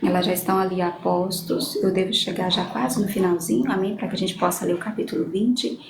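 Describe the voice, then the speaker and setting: A church leader with a lowish, steady voice runs a live-streamed prayer session, reading names and prayer requests slowly and with affection. She often adds "amém" and "né," and the echoey room carries some ambient noise.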